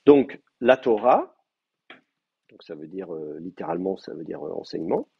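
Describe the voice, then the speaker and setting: A man's voice: sits low, sing-song, normal speed, gravelly, breathy edge. A man giving a classroom lecture, explaining step by step with many hesitations and checking in with his students. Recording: dull lo-fi classroom recording.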